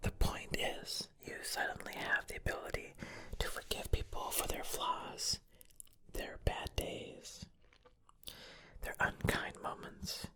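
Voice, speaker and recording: In breathy whispers, this ASMR host offers affirmations as a teasing, lighthearted pep talk. She takes her time, and her tone is sharp.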